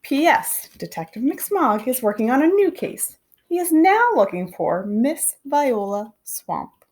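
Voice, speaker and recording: Animated, high-voiced woman reading a storybook. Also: unhurried. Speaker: storybook reader. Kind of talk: expressive children's read-aloud narration.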